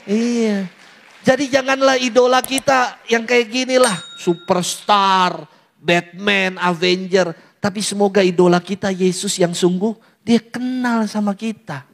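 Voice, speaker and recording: High-voiced joking priest. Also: male voice, steady tone, measured pace, creaky, a bit bright. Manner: playful, teasing, mimics youth in falsetto. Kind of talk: lively sermon to a parish audience.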